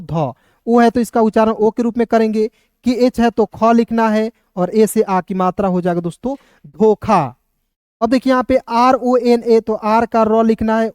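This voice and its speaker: A man from India teaching an online spelling lesson, spelling out letters slowly and asking questions that he answers himself. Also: extremely high pitch, a little mellow, smooth, dry recording, clean studio sound. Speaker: English teacher.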